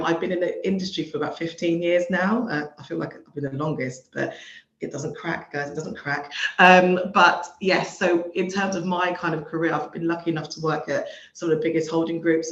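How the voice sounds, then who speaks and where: A woman introduces herself in a relaxed way, pausing often with ums. Her voice comes through a roomy, slightly dull video-call recording. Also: sits low. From London. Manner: relaxed, hesitant with many ums. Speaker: panelist. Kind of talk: casual self-introduction. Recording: echoey, muffled video call.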